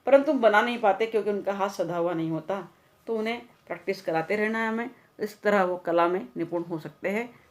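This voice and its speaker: A woman's voice: mid-range voice, a little fast. A woman teacher lecturing trainee teachers, explaining each point and repeating key ideas with English terms mixed in. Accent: Indian Hindi. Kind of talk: Hindi classroom lecture.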